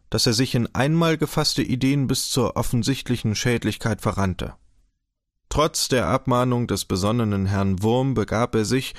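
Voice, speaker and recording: A man with a German accent narrating a historical novel in a calm, measured audiobook reading. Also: mid-range voice, no room sound, studio quality.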